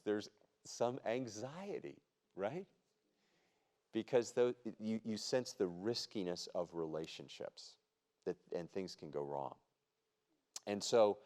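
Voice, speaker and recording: A man with a fairly low voice teaches a Bible study as the group's pastor. He talks conversationally and stops often to ask his listeners questions. His sentences restart now and then as he thinks aloud. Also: darkish tone.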